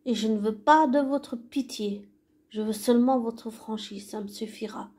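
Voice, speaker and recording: A woman's voice: on the high side, normal speed. A woman explaining one of her own songs to viewers in a casual, hesitant way, often restarting and sometimes sinking to a near whisper. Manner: soft, hesitant, with restarts and trailing off.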